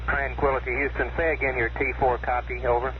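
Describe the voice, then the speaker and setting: Male mission controller on radio, flat calm procedural delivery, dull noisy transmission. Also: medium pitch, brisk. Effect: voice over a radio.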